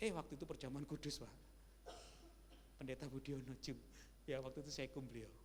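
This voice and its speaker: A male pastor preaching a sermon in a conversational style, with lively asides to the congregation. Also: mid-range voice, brisk. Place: church sanctuary. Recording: church hall reverb with faint hum.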